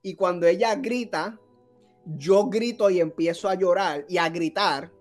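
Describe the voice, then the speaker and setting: Man, high voice, animated storyteller, casual podcast chat. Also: measured pace, faint music behind. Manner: animated, self-mocking storyteller. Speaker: podcast co-host.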